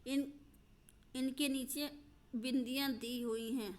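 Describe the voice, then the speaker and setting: A woman teaching a grammar lesson, slowly and patiently, repeating examples and checking that her students understand. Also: high-pitched, steady tone.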